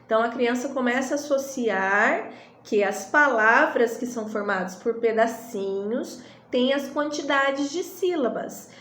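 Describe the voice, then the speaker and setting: A woman's voice: a little high, expressive, measured pace, fairly bright tone, roomy sound. A Brazilian woman lecturing teachers, reflective and full of rhetorical questions. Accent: Brazilian Portuguese.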